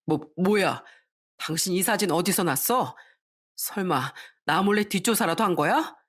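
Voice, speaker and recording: A woman's voice: on the low side, animated, a little slow, husky. A woman voicing a young cheating husband who bluntly and dismissively demands a divorce, in a storybook radio reading. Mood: flustered. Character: cheating husband, young adult man, brazen and cold.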